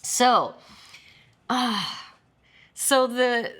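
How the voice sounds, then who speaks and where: A singer-songwriter woman chatting casually at a roundtable, telling animated stories and breaking into sung snippets and laughter. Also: a little high, very slow. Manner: animated storyteller, sings snippets and laughs often.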